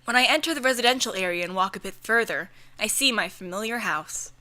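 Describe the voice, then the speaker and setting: A woman's voice: mid-range voice, animated, quick pace, sharp tone. A woman reading first-person visual novel narration as an amateur voice-over. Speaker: narrator and reader. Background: music.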